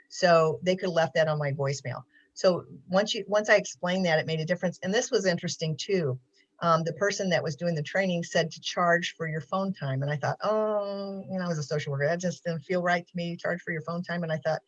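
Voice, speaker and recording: A woman counselor giving a casual talk on a video call, chatty and laughing often, with many ums. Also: fairly low pitch. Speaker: mental health counselor. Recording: dull lo-fi call audio.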